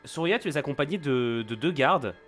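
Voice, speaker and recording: A man's voice: a little high, animated, moderate pace, fairly bright tone. A man running a tabletop role-playing game as game master, improvising the narration and feeling for his words. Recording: music behind the voice.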